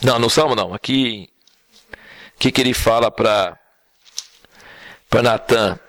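A man's voice: medium pitch, a little slow, no echo. A man preaching an informal sermon, telling the story conversationally and often checking in with "right?" and "understand?". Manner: conversational, animated storytelling with frequent "né?" and "entendeu?".

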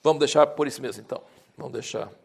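Gravelly-voiced man teaching a Bible class. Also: mid-range voice, rapid-fire. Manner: conversational, explains terms, frequent restarts.

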